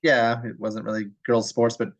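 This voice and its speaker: A man's voice: mid-range voice, level tone, moderate pace, lo-fi sound. A man interviewing his mother casually, attentive, and summing up her answers back to her.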